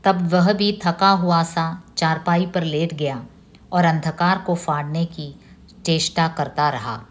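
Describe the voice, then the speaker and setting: Slow, measured woman lecturer reading aloud. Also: low voice. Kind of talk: reading a novel aloud for a literature class.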